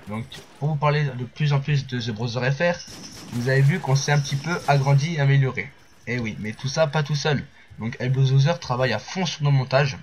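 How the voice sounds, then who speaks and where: A man's voice: mid-range voice, slight background noise. A man from France giving rambling, casual commentary over gameplay footage, full of fillers and restarts.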